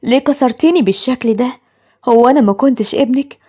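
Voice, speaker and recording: A woman's voice: sits high, fast talker, warm tone, breathy edge. A woman with an Egyptian accent voicing a harsh, controlling young husband who speaks in threats and commands. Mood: bitter. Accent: Egyptian Arabic.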